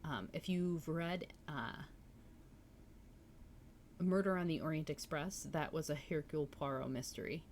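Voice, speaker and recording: Speaking at a measured pace with long pauses, this low-voiced woman hosts a book-reading livestream. She's casual and enthusiastic, picking up on comments from viewers, against slight background noise.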